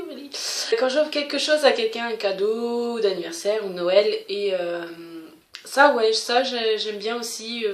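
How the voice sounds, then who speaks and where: A woman's voice: medium pitch, fairly bright tone. A woman vlogger chatting casually to camera as she answers a question tag, hesitant, with many fillers and restarts. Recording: roomy echo.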